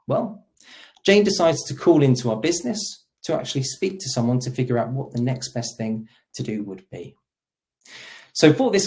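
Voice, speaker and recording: A solution engineer hosting a webinar demos a product, explaining as he goes in a medium-pitched, slightly mellow voice. He leans on the opening of each sentence.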